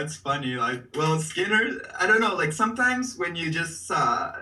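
A man's voice: medium pitch, sharp tone, recorded from a distance, low-quality recording. A man who grew up in Peru, chatting loosely as a guest artist over a video call, swearing freely and laughing as he talks. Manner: loose, profane, laughing storyteller. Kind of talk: casual chat.

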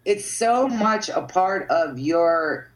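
A woman artist, guesting in a casual interview, rambles loosely, swears casually, and keeps saying "you know what I mean." Her fairly low voice is slow and expressive, and the recording quality is poor.

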